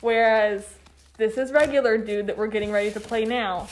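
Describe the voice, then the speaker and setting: A woman's voice: a little high, steady tone, normal speed, a little hiss or hum. A woman chatting casually and laughing while she explains and plays a party card game. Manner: playful, laughing, explains rules.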